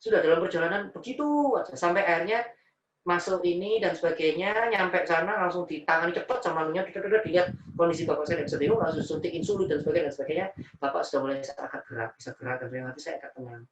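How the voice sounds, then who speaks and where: Fast-talking Javanese-accented male preacher, echoey room. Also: on the high side, recorded from a distance, dull audio, slight background noise. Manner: emotional, animated storytelling, mixing in Javanese words. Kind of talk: personal story in a religious talk.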